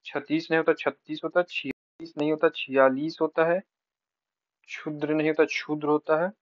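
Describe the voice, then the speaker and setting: A man's voice: fairly high pitch, fairly even intonation, no room sound, lo-fi sound. A man teaching an exam-prep spelling lesson, rattling through word lists and repeating each word with short tips. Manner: rapid rote listing, repeating each word with brief tips.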